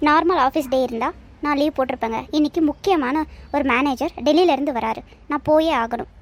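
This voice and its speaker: A woman's voice: high voice, fairly quick. A woman voicing a firm, indignant cartoon working wife who argues back. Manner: firm, arguing.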